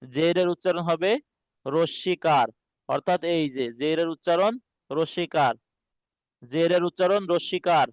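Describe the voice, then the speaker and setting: A man teaching a Quran pronunciation class online, patiently repeating each sound slowly. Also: a little high, dry recording, lo-fi sound.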